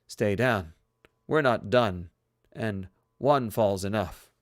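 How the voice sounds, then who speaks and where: A man voicing a resolute, commanding starship captain in a fan audiobook reading, speaking with forceful defiance. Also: on the low side, takes it slowly, dry recording, studio quality. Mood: firm.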